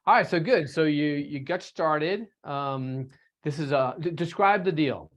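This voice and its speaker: A man's voice: fairly high pitch, unhurried. A man hosting a podcast interview, loose and chatty with plenty of fillers. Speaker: podcast host.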